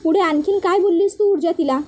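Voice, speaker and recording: A woman's voice: very high-pitched, fast talker, a little mellow. A woman voicing a worried mother who questions her daughter insistently. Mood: stern.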